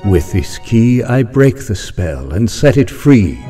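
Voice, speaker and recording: A man's voice: lowish voice, big pitch swings, slow, over music. A man voicing a magic mirror's mystical mask, reciting theatrical rhymes in a grand, incantatory manner. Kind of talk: theatrical spell-like verse.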